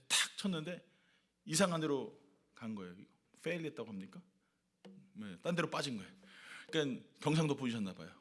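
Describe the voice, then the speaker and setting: A man's voice: mid-range voice, pushed and bright. A man pastor preaching a sermon at a church worship service, emphatic, stacking rhetorical questions and repeated lists.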